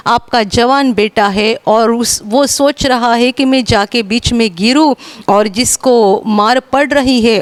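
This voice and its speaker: A woman from India preaching a sermon in an earnest, repeating way, lifting her voice for emphasis. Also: no room sound. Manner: earnest, repetitive, rises in pitch for emphasis. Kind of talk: Hindi sermon.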